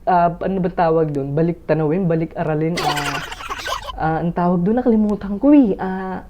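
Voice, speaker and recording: Rambling vlogger on a muffled earphone mic. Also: male voice, high-pitched, moderate pace, noisy background. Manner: rambling, full of fillers and restarts, addresses viewers as pals. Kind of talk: casual chatty vlog.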